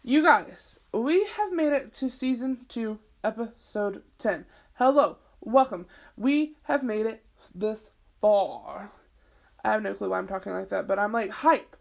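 A woman in her twenties hosts her own podcast, her medium-pitched voice expressive, unhurried, and gravelly. She rambles chattily, swears freely, and says "like" a lot, sounding sniffly with an itchy throat.

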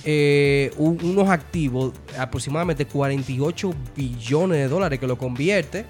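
A man with a Dominican accent and a slightly high-pitched voice co-hosts a casual podcast chat. He talks in loose slang and swears freely. Faint music plays behind him. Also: normal speed, a little mellow. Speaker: podcast co-host.

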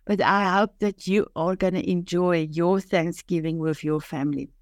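Here a podcast guest, an older woman from South Africa whose first language is Afrikaans, tells her personal story in a South African accent. Her pitch is fairly low and her tone steady, at normal speed, in a clean studio recording without echo. The delivery is sincere and heartfelt, with plain wording and many restarts.

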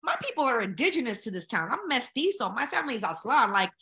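Fast and sing-song, her voice a little high, bright and forceful, an American woman from Colorado talks as a podcast guest. She's casual and opinionated, with a brash, slangy, straight-talking style.

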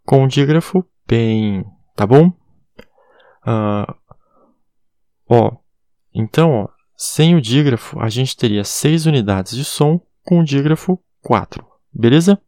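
A man's voice: mid-range voice, lively intonation, takes it slowly, mellow, no echo, clean studio sound. A man giving a casual recorded English lesson, spelling words out letter by letter and checking in with "tá bom?". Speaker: English teacher.

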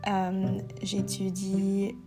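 A young woman from Vancouver, co-hosting a podcast in learner French and pausing often to search for words. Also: mid-range voice, completely flat delivery, music in the background. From Vancouver, Canada. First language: English. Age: young adult. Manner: hesitant, many "euh" fillers. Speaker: podcast co-host. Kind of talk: casual chat in learner French.

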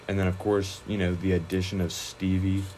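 A young man, a high school wrestler, chatting casually in an interview, relaxed and rambling with many fillers and restarts. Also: fairly quick, a little hiss or hum, poor audio.

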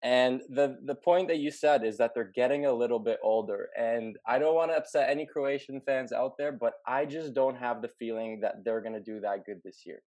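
Guy chatting football casually, kinda hedgy, thinks out loud, middle-pitched voice. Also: brisk, few pauses, no echo. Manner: chatty, hedging, thinks aloud. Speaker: podcast co-host. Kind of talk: casual sports chat.

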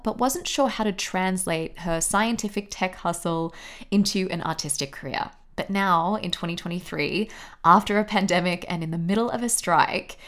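A woman hosting a podcast, talking in an upbeat, enthusiastic way as she introduces the episode and promotes her course. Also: fairly low pitch. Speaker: podcast host and film coach.

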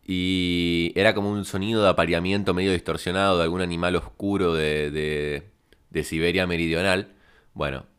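A man with a Rioplatense Spanish accent telling a rambling comic story in a deadpan way. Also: low voice, moderate pace, clear, resonant tone. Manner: deadpan, rambling, absurd tangents. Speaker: podcast host.

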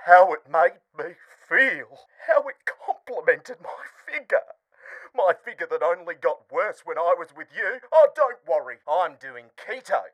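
Aussie woman doing a bitter jilted husband voicemail, melodramatic, slow and swoopy. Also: on the low side, sing-song, highs cut off. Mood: spiteful. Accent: Australian. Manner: melodramatic, swinging from hiss to wail. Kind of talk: scripted comedy voicemail monologue.

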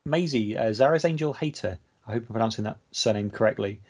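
A man's voice: fairly low pitch, fast talker, darkish tone, husky. A young man from England, hosting a casual film review chat with a rambling, filler-heavy delivery.

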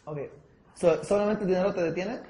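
A man coaching a small group on sales, acting out pitches with a trainee and often dropping English words into his Spanish. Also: fairly quick, warm tone, a little hiss or hum. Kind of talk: sales training talk with role-play. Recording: echoey room.

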